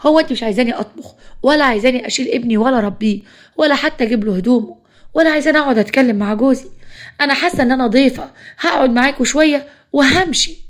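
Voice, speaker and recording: A woman's voice: sits high, very fast, natural voice. A woman voicing a young pregnant wife who complains and pleads with her mother-in-law, with an Egyptian accent. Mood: aggrieved.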